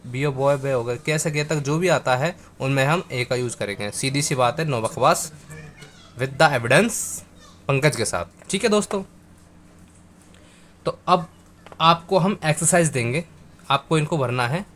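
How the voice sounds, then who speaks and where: A man teaching a grammar lesson, going over words slowly and again and again, spelling them out letter by letter and speaking to viewers as friends. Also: mid-range voice, a bit bright, slight background noise.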